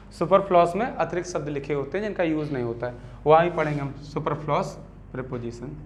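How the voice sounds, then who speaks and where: High-voiced Indian man teaching grammar. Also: a little hiss or hum. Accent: Hindi. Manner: keeps asking the class quick check questions. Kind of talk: classroom grammar lesson.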